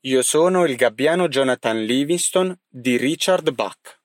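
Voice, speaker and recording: A man reads a book passage aloud in a steady, earnest storytelling voice. His pitch sits in a middle range, and the sound is close and very dry. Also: unhurried, no echo. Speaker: reader.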